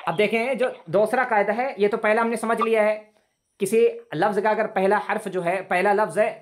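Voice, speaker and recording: A male English teacher giving an online lesson over a video call, patiently explaining grammar rules and repeating words slowly for his students. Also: high-pitched, fairly even intonation, slight background noise. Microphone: computer mic on a video call.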